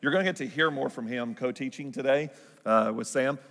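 A man's voice: mid-range voice, fairly quick, creaky, fairly bright tone. A man with a Southern Arkansas accent speaking and praying from a church stage as the host pastor. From southern Arkansas, United States. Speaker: church pastor hosting the service. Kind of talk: church stage remarks and extemporaneous prayer. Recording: reverberant church hall, music underneath.

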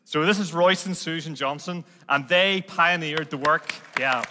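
Visiting from Northern Ireland, a ministry leader speaks from the stage of a large indoor church to the congregation. His voice is on the high side and a little slow. Crowd noise and a noisy background mix with the long reverb of the hall.

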